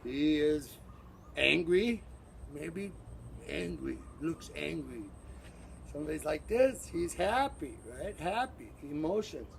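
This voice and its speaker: A man's voice: fairly high pitch, expressive, creaky, a little hiss or hum. A man teaching English to a class, drilling words over and over and exaggerating sounds to model the pronunciation. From from abroad, teaching in Thailand. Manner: slow, repetitive drilling of words.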